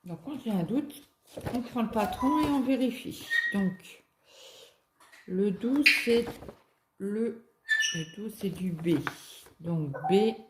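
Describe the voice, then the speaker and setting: Cross-stitching at home, a woman chats casually in a mid-range voice, telling rambling, filler-laden stories at a slow pace with frequent pauses. The room is echoey, and loud background noise fills the recording.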